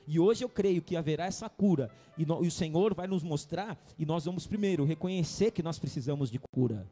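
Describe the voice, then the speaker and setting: A man's voice: a little high, animated, brisk, warm tone, big-room sound, faint music behind. A man pastor preaching a fervent sermon in a church, mixing scripture with joking asides.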